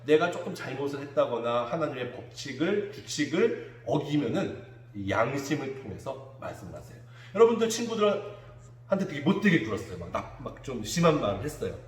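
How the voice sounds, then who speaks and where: A male children's pastor talks kids through a sermon, lively and playful, slipping into the voices of children. His pitch jumps up and down a lot. The sound is roomy, with a long church-hall reverb. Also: brisk. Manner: animated, acts out children's quotes. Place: church room.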